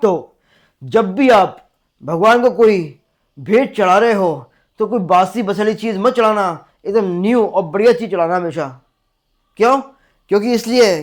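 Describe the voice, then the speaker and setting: A male teacher with a Rajasthani accent gives an exam-prep lecture, asking "clear?" again and again and repeating facts to drill them. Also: high voice, normal speed. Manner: asks the class "clear?" again and again.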